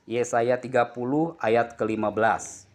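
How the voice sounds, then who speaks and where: A male preacher delivers a chatty sermon. He jokes and keeps asking his listeners questions, and his voice sits at an ordinary middle pitch. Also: a little slow. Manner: lively, jokes and asks the congregation questions. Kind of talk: sermon with congregation responses.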